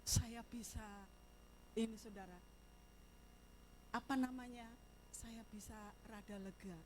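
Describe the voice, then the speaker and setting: A woman's voice: on the high side, steady tone, slow, darkish tone, a little hiss or hum. An older woman giving a sermon testimony, moving from fervent preaching into chatty storytelling. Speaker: church minister.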